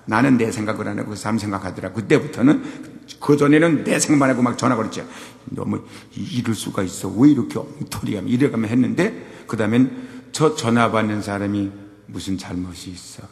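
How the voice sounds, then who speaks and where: An older man telling a personal story in a sermon, moving between quiet asides and loud, acted outbursts. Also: lowish voice, vocal fry. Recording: long hall reverb.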